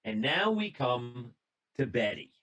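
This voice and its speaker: A man's voice: mid-range voice, sing-song, slow, fairly bright tone, lo-fi sound. A man giving an illustrated presentation to a radio club over a video call, telling the story in a conversational way and reading out notes, with small restarts. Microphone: computer mic on a video call.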